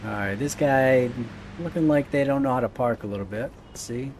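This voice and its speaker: Casting: male gaming host, casual play-by-play, soft dark tone, light vehicle ambience underneath. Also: medium pitch, normal speed, a little hiss or hum. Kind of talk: casual let's-play commentary.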